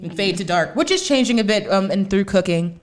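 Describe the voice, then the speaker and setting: A young woman talks through a casual podcast chat. She tells her stories with energy, laughs often and swears freely. Her voice sits at a middle pitch. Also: brisk. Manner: animated storytelling with laughter and profanity. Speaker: podcast guest.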